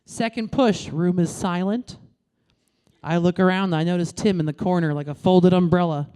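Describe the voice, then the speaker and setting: A woman in her late thirties doing a stand-up comedy set on a club stage, brash and crude, with deadpan asides to the crowd. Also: on the low side, moderate pace, smooth. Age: late 30s.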